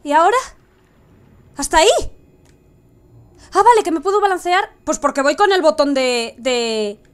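A young woman with a Spanish accent giving excitable live gameplay commentary, swinging from hushed coaxing to sudden shrieks. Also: high-pitched, moderate pace. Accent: Spain Spanish. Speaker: gaming streamer.

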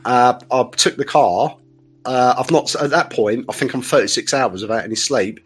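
Man, middle-aged, podcast guest, rambling, candid, mid pitch. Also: moderate pace, breathy edge, soft background music. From south-east England. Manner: rambling, candid, full of restarts and fillers. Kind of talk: casual interview storytelling.

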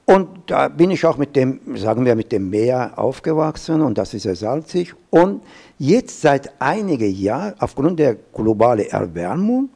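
A man in his fifties from Iran, speaking German with an Iranian accent on a panel, with halting restarts and fillers, holding a handheld mic. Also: mid-range voice, very animated, vocal fry, mellow. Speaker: professor, panel guest. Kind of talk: panel discussion. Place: small event studio with glass wall.

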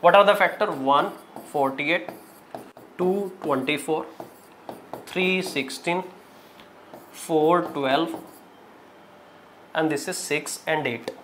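A man's voice: a little high, slow pace, long pauses, fairly bright tone, a little hiss or hum. A man in his thirties with a North Indian accent, teaching aptitude problems step by step in short, repeated, emphatic phrases. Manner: instructional, short broken phrases with repetition and emphasis. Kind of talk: classroom lesson, solving problems step by step. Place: indoor teaching studio in front of a digital board.

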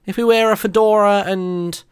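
A man's voice: high-pitched, steady tone, moderate pace, clear, resonant tone. A young British man giving casual, chatty gameplay commentary to viewers on a close mic, thinking aloud as he plays. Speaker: video game streamer. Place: indoor room, streaming setup at home. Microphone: close microphone on a stand. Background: video game music.

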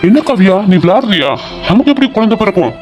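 A man voicing a young husband in an animated family drama, hurried, alternately coaxing and scolding his crying wife. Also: high-pitched, loud music behind the voice. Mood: impatient coaxing. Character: young husband, impatient and embarrassed.

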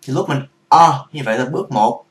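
A man's voice: mid-range voice, animated, a little fast. Echoey man teaching pronunciation. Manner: explains patiently, repeating and demonstrating each sound. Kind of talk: casual vlog lesson.

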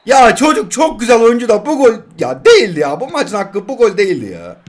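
A man in his twenties commentating his own mobile football match, swinging between shouting at his players and quiet muttering. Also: very high voice, very animated, a little fast. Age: 20s. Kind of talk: live gameplay commentary.

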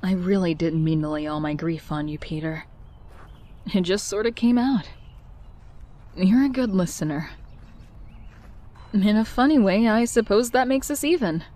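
A woman with a warm, natural, medium-pitched voice speaks at normal speed but pauses often. She plays Mary Jane in a comic dub, bringing a heartfelt, confessional tone to this fiery but guarded young woman's narration and dialogue.

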